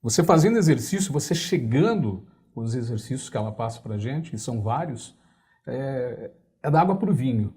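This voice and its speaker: Relaxed radio announcer, man. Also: medium pitch, moderate pace, husky. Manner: relaxed, anecdotal, some stammered restarts. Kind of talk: casual talk-show chat.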